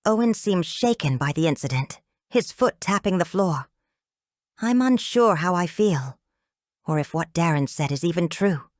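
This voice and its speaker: Expressive woman reading a thriller. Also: on the low side, no room sound, clean studio sound. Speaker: audiobook narrator. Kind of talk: first-person thriller narration.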